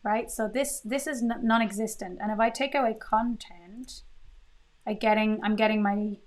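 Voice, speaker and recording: A woman's voice: fairly high pitch, steady tone, normal speed. A woman hosting a live-coding stream, thinking aloud in a casual, chatty way with fillers and restarts.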